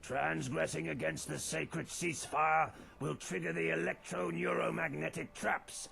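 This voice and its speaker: An actor playing a theatrical ghoul man in a video game, with a raspy voice and a grandiose way of talking. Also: on the high side, level tone, unhurried, sharp tone, exaggerated voice. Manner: grandiose and theatrical, dropping into weary plain talk. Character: theatrical ghoul man posing as pompous alien interloper-hunter. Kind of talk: video game character dialogue.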